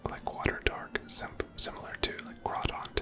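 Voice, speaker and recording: An ASMR streamer narrates gameplay entirely in soft, breathy whispers, never using a full voice, and muses unhurriedly as they play.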